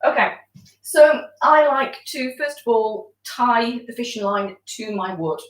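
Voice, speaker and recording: A woman's voice: fairly high pitch, animated, unhurried, roomy sound, distant mic, low-quality recording. A woman chatting casually while planting an aquarium, explaining as she goes with frequent ums. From outside Denmark. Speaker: aquascaper.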